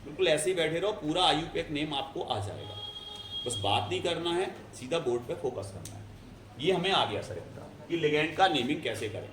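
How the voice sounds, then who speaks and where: A man's voice: fairly high pitch, sing-song, a little fast, noisy background. Man lecturing in an echoey classroom. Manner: explains step by step, often checks "clear?". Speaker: chemistry teacher. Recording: echoey room, faint ambience.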